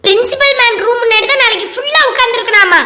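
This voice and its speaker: A woman's voice: very high voice, quick pace. A woman with a Kanyakumari Tamil accent voicing a stern but kindly female schoolteacher who lectures and chides in a cartoon. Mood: lecturing. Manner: lecturing, chiding. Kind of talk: cartoon voice-over.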